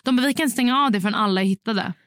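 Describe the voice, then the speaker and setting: A woman's voice: a little high, a bit bright, dry recording, clean studio sound. A young woman co-hosting a podcast in casual chat, telling stories and acting out the dialogue. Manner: chatty storyteller who jumps into quoted dialogue. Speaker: podcast co-host.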